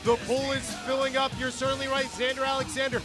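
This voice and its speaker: A man's voice: very high-pitched, completely flat delivery, fast, over music. A man giving live play-by-play commentary as a wrestling commentator.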